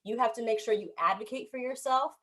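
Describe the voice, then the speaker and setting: A young woman from the United States, speaking as a panelist and telling her story in an animated, emphatic way. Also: a little high, fast talker. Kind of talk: panel discussion.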